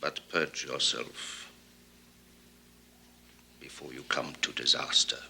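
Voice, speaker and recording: A man's voice: fairly low pitch, animated, moderate pace, bright, forceful tone, slight background noise. An actor playing a pompous aristocratic English statesman, lecturing in a period film. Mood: haughty. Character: haughty aristocratic English statesman, older man. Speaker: Lord North, Prime Minister.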